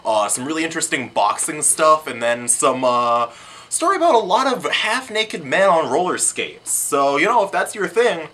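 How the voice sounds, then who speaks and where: A man co-hosting a comic book show, pitching new releases in a playful, upbeat, casual way. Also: big pitch swings, normal speed, bright, forceful tone. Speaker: comic shop show co-host.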